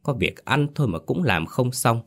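A man's voice: medium pitch, sing-song, moderate pace, a bit bright, pitched above the performer's own voice. A man voicing an impatient middle-aged exorcist master who scolds a frightened couple. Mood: scolding.

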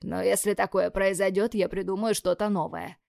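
A woman reading the lines of a young man, a cocky and affectionate fiancé who speaks unhurried and smug. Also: medium pitch, level tone, creaky, darkish tone, no room sound, studio quality, close to an everyday voice.

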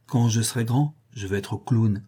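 A man's voice: on the low side, normal speed, breathy edge. Man doing a boastful young schoolboy. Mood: eager. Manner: eager, lively, boyish.

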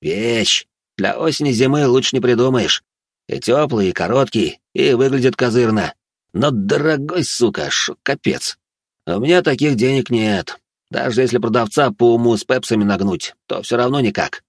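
A man reading an audiobook, voicing a brash young man who talks loud and blustering. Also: mid-range voice, expressive, moderate pace, no echo, studio quality. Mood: boastful. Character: brash young man, rowdy drinking buddy.

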